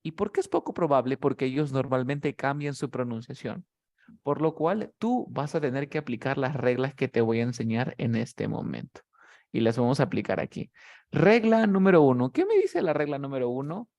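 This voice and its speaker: A man's voice: medium pitch, expressive, moderate pace, creaky, a little mellow. A man teaching English pronunciation one-on-one over a video call, explaining step by step and checking often that his student follows. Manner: patient, explains step by step with many checks like "¿cierto?".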